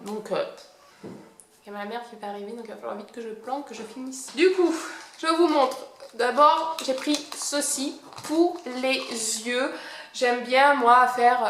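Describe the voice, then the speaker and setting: A woman's voice: sits high, fairly bright tone. A woman chatting casually through a makeup product review, hesitant and self-deprecating, often searching for words. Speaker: beauty vlogger. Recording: echoey room.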